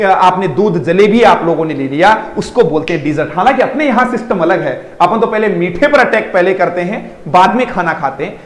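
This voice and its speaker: A man teaching English vocabulary in an online class. He speaks Indian English, mixes in Hindi, slows down to repeat words and keeps asking the students whether they are following. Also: high voice, echoey room, poor audio. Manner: addresses students affectionately as dear children.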